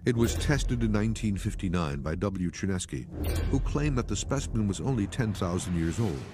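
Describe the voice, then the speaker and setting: A man's voice: lowish voice, lively intonation, moderate pace, background noise. A man reading scripted narration as the narrator of a documentary. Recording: loud music under the voice. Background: music.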